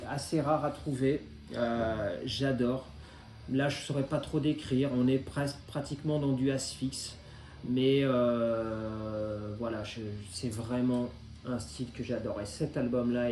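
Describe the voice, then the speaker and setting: A man's voice: mid-range voice, mellow. A man in his forties casually presenting his vinyl records, hesitant and full of filler sounds but enthusiastic. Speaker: record collector. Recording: roomy echo.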